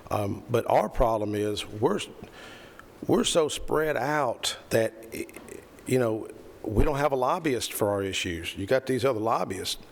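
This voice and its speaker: Earnest low-voiced man speaking up. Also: creaky. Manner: earnest, rambling, repeats phrases for emphasis. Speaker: committee member. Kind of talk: impassioned speech at a public meeting. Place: county committee meeting room.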